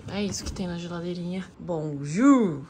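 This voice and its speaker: Filming herself on a handheld camera in a hotel room, a woman in her thirties chats casually to viewers, exclaiming and addressing them directly like a vlogger. Her voice is lowish with lively intonation at a normal speed, and a crowd can be heard behind her.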